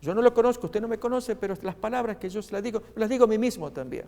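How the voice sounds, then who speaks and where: A man preaching a sermon, earnest and speaking straight to his listeners, pausing often with fillers. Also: high voice, creaky, a little mellow, long reverb tail. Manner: earnest, addresses listeners directly with many pauses and fillers.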